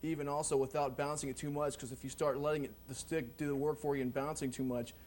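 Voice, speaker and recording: A man teaching drum technique in a relaxed, rambling way, full of ums and you knows. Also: fairly high pitch, fast talker, slight background noise. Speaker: drum instructor. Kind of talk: casual instructional explanation.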